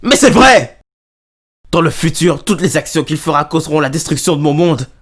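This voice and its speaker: A man's voice: fairly high pitch, lively intonation, moderate pace, husky. Earnest young hedgehog hero voiced by a man, Silver. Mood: heated, determined. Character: earnest, determined young male hedgehog from a ruined future. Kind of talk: amateur video game fan dub in French. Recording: background music under the voice. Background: dramatic game music.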